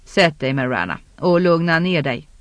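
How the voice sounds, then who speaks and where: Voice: mid-range voice, bright, forceful tone, dry recording, natural voice. An audiobook narrator voicing a cold, firm noblewoman who speaks curtly, recorded dry and close.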